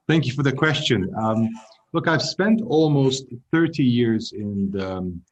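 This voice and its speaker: A Hungarian-born logistics executive in his fifties answers interview questions in a measured manner, his phrases trailing off at the ends. His mid-range voice is animated, and the recording has its highs cut off.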